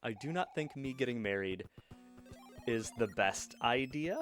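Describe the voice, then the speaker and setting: Cast: a man as a baffled young prince, mock-formal, flustered, mid-pitched voice. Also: expressive, a little slow, fairly bright tone, faint music behind. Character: young male prince, bewildered and polite.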